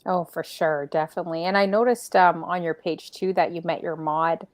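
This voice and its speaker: A woman hosting a talk show, chatty, shouting out viewers and asking leading questions. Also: lowish voice, steady tone, moderate pace, no echo. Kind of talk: casual interview chat.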